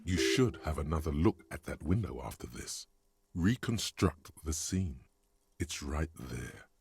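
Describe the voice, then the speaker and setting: The commanding inner voice of a detective's mind in a video game. His voice is extraordinarily deep and authoritative. He narrates insistently, pushing the listener to act. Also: animated, measured pace, gravelly, a little mellow, breathy edge, exaggerated voice.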